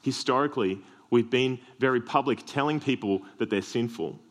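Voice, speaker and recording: Delivering a sermon at normal speed, an Australian man with a deep voice stays earnest while adding humorous, self-deprecating asides.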